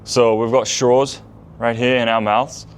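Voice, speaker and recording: A man's voice: medium pitch, level tone, unhurried, smooth. A man chatting casually while trying out training drills, loose and easygoing, with plenty of fillers. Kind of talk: casual on-camera chat.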